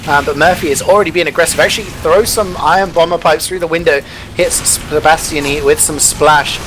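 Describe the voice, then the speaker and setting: Male esports caster with a high voice, live play-by-play and analysis, noisy backdrop. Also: steady tone, fairly quick, a bit bright.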